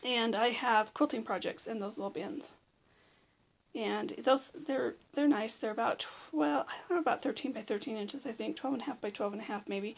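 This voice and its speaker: A middle-aged American woman with a hoarse, raspy voice that is giving out into whispery patches, chatting casually and informally as she gives a tour. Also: fairly high pitch, moderate pace. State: hoarse, losing her voice. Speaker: vlog host. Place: small room at home, indoors.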